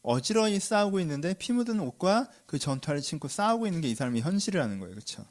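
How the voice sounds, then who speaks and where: A man's voice: a little high, sing-song, fast talker. A man preaching a sermon, constantly asking his listeners questions and answering them himself. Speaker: pastor.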